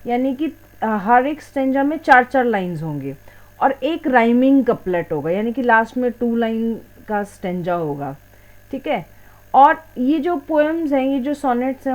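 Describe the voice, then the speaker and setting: A woman's voice: a little high, a little mellow, low-quality recording. A woman teaching an English exam lesson, switching between Hindi and English and posing questions she then answers herself. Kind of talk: explaining a lesson.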